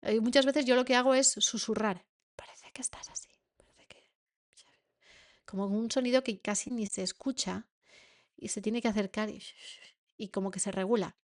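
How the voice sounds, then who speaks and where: Earnest high-voiced Spanish woman coach. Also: fairly even intonation, a little fast. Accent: Spain Spanish. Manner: earnest, repeats words for emphasis. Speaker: parenting coach. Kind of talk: spoken masterclass for parents.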